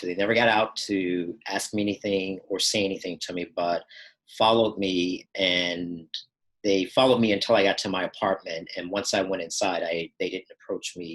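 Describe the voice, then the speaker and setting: A man from Texas giving a measured, reflective first-person account of his experiences, pausing and restarting now and then. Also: sits low, fairly bright tone, breathy edge, poor audio. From Texas, United States. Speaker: storyteller recounting personal experiences.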